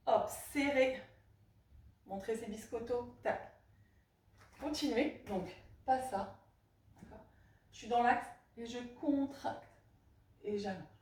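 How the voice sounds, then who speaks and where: A woman leading a pilates class, counting reps and calling out breathing cues in brisk short commands. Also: a little high, a little mellow. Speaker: pilates instructor. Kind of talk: guiding a live fitness class. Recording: echoey room, voice from far off.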